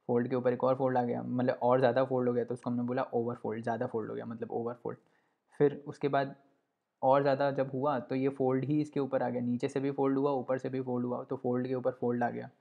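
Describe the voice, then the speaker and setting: A man teaching a lesson in a relaxed, conversational way, often stopping to check that the listener follows. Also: medium pitch, creaky. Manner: conversational, repeats "ठीक है" often, checks understanding. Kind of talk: explanatory lesson while drawing. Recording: dull lo-fi recording.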